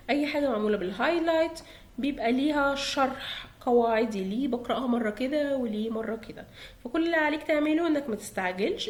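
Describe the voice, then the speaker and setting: A woman with an Egyptian Arabic accent teaching pronunciation. She draws words out slowly for learners to repeat and asks and answers her own questions. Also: high-pitched. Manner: slow, drawn-out modelling of words for repetition. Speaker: German teacher. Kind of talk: pronunciation lesson.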